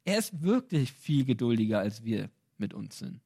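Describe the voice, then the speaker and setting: A man giving a sermon in a casual, colloquial way, acting out quotes with lively storytelling and light laughs. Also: medium pitch, normal speed, vocal fry, breathy edge. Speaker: preacher.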